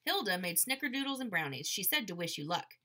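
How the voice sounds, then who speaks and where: A woman's voice: mid-range voice, big pitch swings, fast talker, sharp tone. A woman reading an audiobook, voicing a kind, worried older man. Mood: fatherly.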